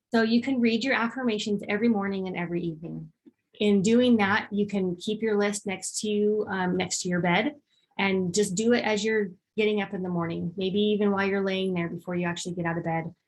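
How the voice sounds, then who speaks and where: A woman talks through a personal growth workshop at an easygoing pace. Her voice sits in an ordinary middle range, and she fills her explanations with ums and quick acted examples. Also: medium pitch. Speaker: workshop presenter. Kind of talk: casual workshop talk.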